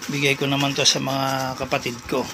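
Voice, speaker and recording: A man's voice: mid-range voice, completely flat delivery, a little fast. A man with a Filipino accent giving a casual unboxing and demo chat as a vlogger. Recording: clear background noise.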